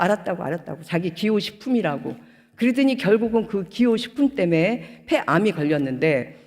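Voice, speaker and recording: A woman pastor in her sixties tells her testimony from the pulpit, her voice swinging widely up and down as she acts out each person in the story. She swells into fervent, emotional outbursts between stretches of plain telling. A long reverb from a big hall trails after every phrase. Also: medium pitch. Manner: animated storytelling, acting out quoted dialogue. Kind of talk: testimony sermon at a prayer retreat. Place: prayer retreat hall.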